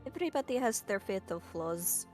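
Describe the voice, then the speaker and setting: A woman at a tabletop game speaks bluntly and matter-of-factly at a middle pitch. Music is clearly audible behind her voice. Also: lively intonation, moderate pace. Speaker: player. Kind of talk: tabletop role-play.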